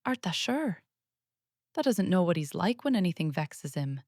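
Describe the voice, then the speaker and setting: A woman's voice: on the low side, sing-song, moderate pace, darkish tone, no room sound, clean studio sound, voice pushed up. A woman voicing a flustered young Yorkshire housemaid who exclaims and frets in dialect, in a storybook reading. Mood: amazed. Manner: exclaiming, dialect speech, agitated.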